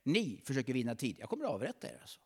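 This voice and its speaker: A man's voice: mid-range voice, wildly swooping pitch, husky, big-room sound, exaggerated voice. A man preaching a sermon, voicing an angry, threatening ancient king. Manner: loud, threatening.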